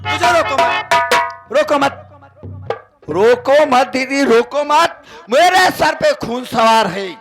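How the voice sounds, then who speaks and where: A man's voice: very high-pitched, animated, slow, pauses often, loud music behind the voice, exaggerated voice. Man playing a vengeful, hot-tempered brother. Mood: enraged. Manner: melodramatic, declaiming to the audience. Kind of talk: folk stage drama.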